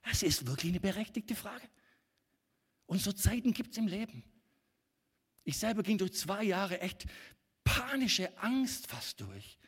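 Middle-aged pastor man preaching, husky voice, lively pitch, big echoey hall. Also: measured pace, long pauses. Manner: animated, emphatic preaching with sudden loud outbursts. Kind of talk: sermon. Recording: long reverb of a church hall.

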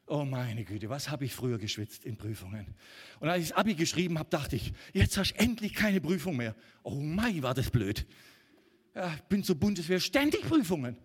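Middle-aged male pastor, emphatic sermon delivery, slightly high and husky, reverberant hall. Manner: animated, emphatic preaching with sudden loud outbursts. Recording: long reverb of a church hall.

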